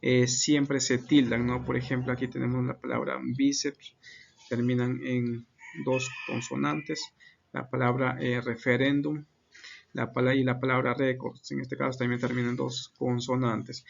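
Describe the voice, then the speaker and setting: Hesitant man explaining, flat and lo-fi. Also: medium pitch, unhurried, creaky, slight background noise. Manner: hesitant, many fillers and self-corrections. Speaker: student presenter. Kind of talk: unscripted class presentation.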